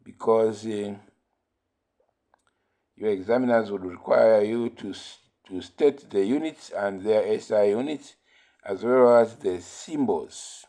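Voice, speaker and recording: Slow, low-voiced male physics teacher. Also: warm tone. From Malawi. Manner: slow, repeats key points with fillers. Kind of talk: recorded classroom lesson.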